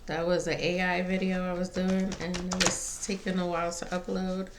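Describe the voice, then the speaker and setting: A woman giving a casual spiritual card reading to viewers, pausing between phrases. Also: fairly low pitch, flat delivery. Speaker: tarot and oracle card reader. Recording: faint background noise.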